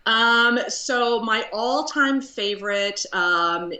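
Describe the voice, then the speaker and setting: A woman from Canada, a guest chatting casually on a video call, talkative and quick to laugh. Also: a little high, bright, forceful tone, roomy sound, distant mic. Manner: chatty, laughs easily, many fillers.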